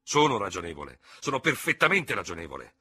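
A man voicing a small, hot-tempered Gascon hussar lieutenant who shouts and hisses in fury. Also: medium pitch, animated, a little fast, husky, pitched above the performer's own voice. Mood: angry. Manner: shouting, hissing, ranting. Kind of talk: audiobook character reading.

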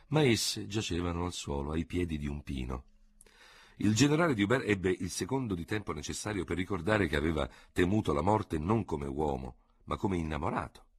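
Deep husky male audiobook narrator. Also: dry recording. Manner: composed, dramatic reading. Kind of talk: scripted narration of a novel.

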